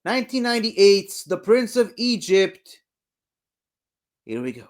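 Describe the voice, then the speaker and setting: A man's voice: high-pitched, very animated, unhurried. A young man giving casual, rambling, enthusiastic commentary while rewatching a movie, often correcting himself.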